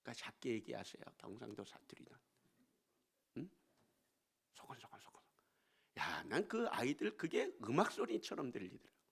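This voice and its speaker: Gravelly male pastor preaching a storytelling sermon. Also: mid-range voice, wildly swooping pitch, fast. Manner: storytelling, swinging from hushed asides to emphatic exclamations. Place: church sanctuary.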